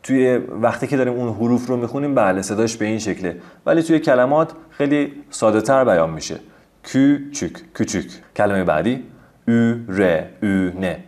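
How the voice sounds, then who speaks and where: A man giving a recorded language lesson over slides, patiently spelling out letters and sounding out words slowly. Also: fairly low pitch, darkish tone. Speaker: language teacher.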